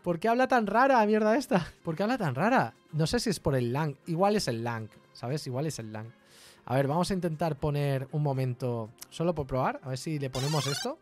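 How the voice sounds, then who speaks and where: A man's voice: fairly high pitch, brisk, faint music behind. Chatty Spanish man coding live. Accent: Spain Spanish. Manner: chatty, laughs often, swears in surprise. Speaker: programming streamer. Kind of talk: casual live-coding tutorial.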